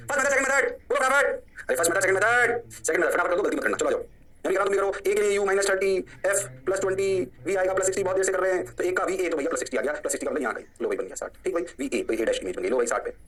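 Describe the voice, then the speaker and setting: A male physics teacher giving a lecture in a high, bright voice. He talks energetically, asks the class questions and then answers them himself. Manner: energetic, repeats points and answers his own questions for the class. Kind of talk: online lecture.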